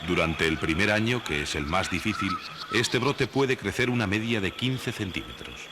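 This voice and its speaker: A man reading scripted nature documentary narration in a measured, didactic way. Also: on the low side, lively intonation, noisy background. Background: background music.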